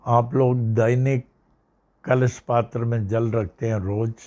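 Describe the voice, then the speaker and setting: Guru man giving a sermon, slow emphatic storytelling, middle pitch, muffled old recording. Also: level tone, dark tone. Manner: slow, emphatic storytelling, acting out quoted speech. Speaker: spiritual teacher. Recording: dull lo-fi recording.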